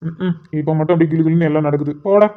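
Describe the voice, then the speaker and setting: A woman's voice: deep voice, fairly even intonation, close to an everyday voice. A woman voicing a sarcastic young married man who teases his friend with exasperated banter in a cartoon. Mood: teasing. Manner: mocking, exasperated, quick banter. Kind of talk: cartoon voice acting. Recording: slightly muffled lo-fi audio.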